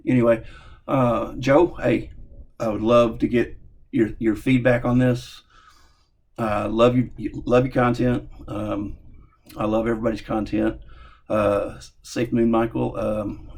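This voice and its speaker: A man from the American South with a Southern accent, giving a casual opinion monologue to viewers in a halting, repetitive, folksy way. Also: mid-range voice, gravelly, darkish tone. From Southern United States. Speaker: amateur video commentator.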